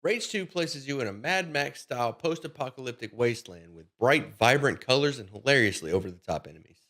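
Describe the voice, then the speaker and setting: A man's voice: medium pitch, lively intonation, fairly quick, fairly bright tone. A man reading a scripted game review, casually addressing viewers directly.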